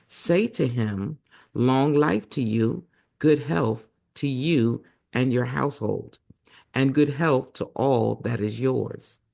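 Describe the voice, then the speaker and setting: A man reading the Bible aloud as a host, hoarse and losing his voice, breaking off for chatty asides to his viewers. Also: mid-range voice, takes it slowly, a little mellow.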